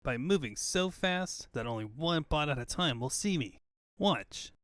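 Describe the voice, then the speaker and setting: A man's voice: fairly high pitch, animated, unhurried, fairly bright tone, no room sound, clean studio sound. A man voicing a cocky, brave young hedgehog hero with breezy slang in a comic book fandub. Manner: breezy surfer-style slang.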